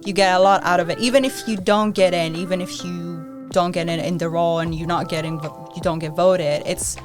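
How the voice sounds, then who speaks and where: Low-voiced chatty young woman. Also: fairly even intonation, brisk, over music. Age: 20s. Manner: chatty, rambling, many fillers. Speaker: podcast co-host, student union president. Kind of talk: casual chat.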